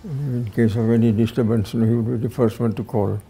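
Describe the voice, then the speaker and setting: A man's voice: mid-range voice, steady tone, fairly quick, creaky, warm tone, faint music behind, low-quality recording. An older man in an indoor interview, telling a story and acting out the dialogue. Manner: anecdotal, acts out quoted dialogue. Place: indoor office with bookshelves.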